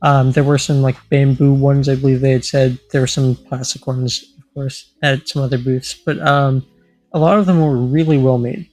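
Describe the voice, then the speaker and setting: A young man co-hosting a casual podcast chat, measured and matter-of-fact, pausing often with ums. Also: mid-range voice, fairly even intonation, a little mellow, dry recording, soft background music, low-quality recording. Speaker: podcast co-host.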